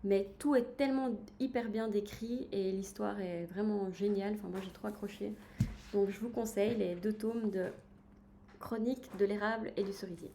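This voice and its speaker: A woman's voice: medium pitch, steady tone, normal speed, gravelly, mellow, slight background noise. A woman chatting in a casual book-review livestream, enthusiastic and full of hesitations as she recommends books. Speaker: book streamer.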